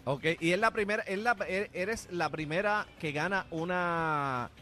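High-pitched Puerto Rican radio sidekick. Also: male voice, bright, forceful tone, soft background music. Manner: repeats words in quick triplets. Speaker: radio show co-host. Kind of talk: casual radio chat and interview.

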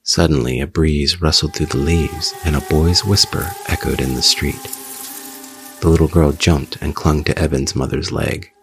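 A man hosting a horror story podcast, narrating in a measured, ominous way. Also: extremely low pitch, fairly even intonation, creaky, a little hiss or hum. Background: music.

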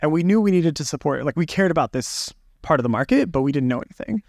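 A man's voice: fairly high pitch, expressive, fast talker, vocal fry, a little mellow, dry recording, studio quality. A man who is a podcast guest, talking over research practice in a reflective, loose way with many fillers and restarts. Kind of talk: casual podcast conversation.

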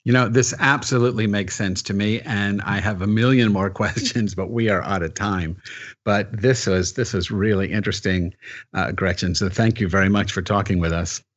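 A man hosting an interview, asking measured, halting questions. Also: on the low side, fairly even intonation, dull audio. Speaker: radio interview host.

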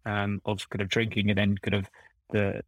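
A man's voice: fairly low pitch, completely flat delivery, moderate pace, dry recording, low-quality recording. A middle-aged man, a former recruiter turned coach, chatting on a podcast in a rambling, self-correcting storytelling manner. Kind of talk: casual podcast conversation.

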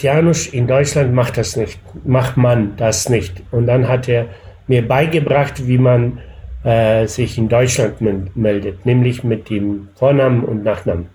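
A man's voice: medium pitch, warm tone. A man calling in as a regular of a podcast, chatting casually and hesitantly with many fillers. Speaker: regular on the podcast, phoned-in guest. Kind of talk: casual chat over a call.

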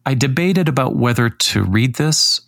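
A man hosting a podcast, reading scripted commentary in a measured, critical way. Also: medium pitch, lively intonation, vocal fry, a bit bright, dry recording. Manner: measured, critical, reads quotes aloud. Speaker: podcast host.

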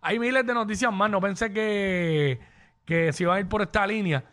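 A man's voice: sits high, moderate pace. A man with a Puerto Rican accent co-hosting a morning radio show, chatting casually and joking with callers. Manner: joking, lively, teasing callers. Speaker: radio co-host. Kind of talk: casual radio chat taking listener calls.

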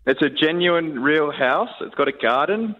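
A man's voice: on the high side, expressive, normal speed, narrow, tinny audio, slight background noise. An Australian man calling in to a radio show, chatting casually and a little hesitantly. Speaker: phone-in caller. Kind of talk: casual chat.

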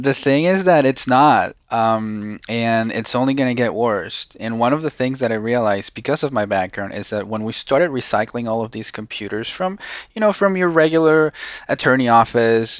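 A man's voice: mid-range voice, dry recording, studio quality. A man from Venezuela whose first language is Spanish, a guest on an interview show, talking earnestly and often restarting his sentences. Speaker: guest, social entrepreneur. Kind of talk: casual interview talk.

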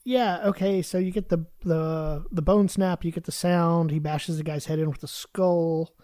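A man's voice: a little high, fairly even intonation, normal speed, warm tone, no echo, studio quality. A man co-hosting a podcast in a casual, conversational chat style. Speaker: podcast co-host.

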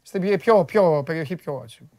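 A man hosting a sports talk show, chatting in an animated, joking way, his voice jumping high when he gets worked up. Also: no room sound. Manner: excitable, jokey, voice jumps high when worked up.

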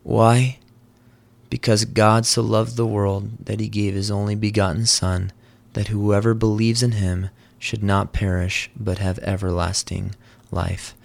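A man's voice: lowish voice, flat delivery, measured pace, vocal fry. A man preaching a sermon, telling the story earnestly and voicing the quoted lines with rising intensity.

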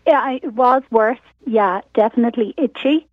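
An Irish woman calls in to a radio show, her voice squeezed thin through a phone line. She talks casually and chattily, dotting her sentences with "like", in a fairly high voice. The line is dry, with no room sound around her. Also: moderate pace, no room sound. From Ireland. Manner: chatty and casual, with frequent fillers like "like". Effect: caller heard over a phone line. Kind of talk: casual chat.

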